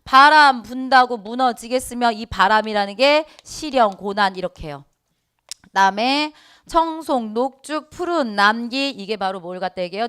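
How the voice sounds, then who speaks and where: A middle-aged woman teaching an online exam-prep lecture in a smooth, resonant voice. She keeps her students engaged by asking them questions and then answering them herself, and she acts out the quoted dialogue. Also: mid-range voice. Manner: lively, asks the class and answers herself. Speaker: Korean language exam instructor.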